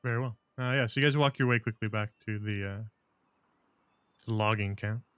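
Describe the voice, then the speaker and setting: Smooth-voiced man narrating as game master. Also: on the low side, a bit bright, no echo. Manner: halting, casual improvised narration. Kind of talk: narrating a tabletop fantasy game.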